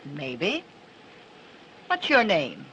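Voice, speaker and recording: A woman's voice: sits low, huge pitch swings, drawn-out words, a bit bright, dull audio, a little hiss or hum, exaggerated voice. Motherly neighborhood house worker, early talkie. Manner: kindly, fussing, reassuring. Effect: early 1930s talkie film sound. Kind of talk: 1930s film acting.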